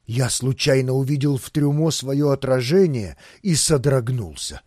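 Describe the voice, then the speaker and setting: A man narrating a first-person novel in an expressive, theatrical way. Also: mid-range voice, measured pace, breathy edge, dry recording, studio quality. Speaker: audiobook narrator.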